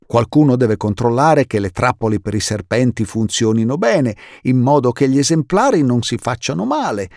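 A man's voice: medium pitch, expressive, moderate pace, creaky, few pauses, no room sound, studio quality, voice pushed up. A man voicing a jolly, enthusiastic uncle who is a snake scientist, exclaiming eagerly in an audiobook reading. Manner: exuberant, warm, exclaiming. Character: jolly enthusiastic older male herpetologist uncle.

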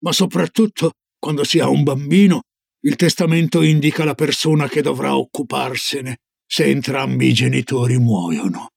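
Man voicing a cigar-smoking old grandmother, slow solemn storybook voice, gravelly, husky, dry. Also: no echo. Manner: slow, low, solemn warnings.

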